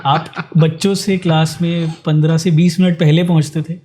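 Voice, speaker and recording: A man, an ENT doctor, calmly answering interview questions and mixing Hindi with English phrases. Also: fairly high pitch, moderate pace.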